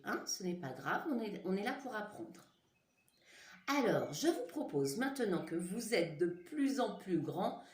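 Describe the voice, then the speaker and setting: A woman teaching young children, slowly dictating syllables and words in a classroom lesson. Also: fairly low pitch, darkish tone, echoey room. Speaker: primary school teacher. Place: classroom with a board. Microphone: camera mic.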